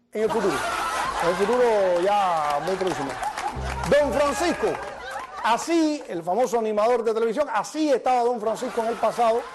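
High-voiced comedy show host. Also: male voice. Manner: joking storyteller, punchline delivery. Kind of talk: stand-up comedy monologue. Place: television studio.

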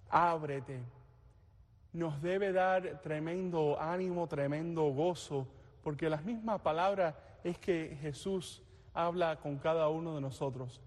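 A man reading scripture and preaching deliberately in a church, his voice carried in a cathedral-like echo. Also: on the high side, darkish tone. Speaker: priest or deacon reading the Gospel and preaching. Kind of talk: liturgical reading and homily. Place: large reverberant church interior. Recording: long echoing church reverb.

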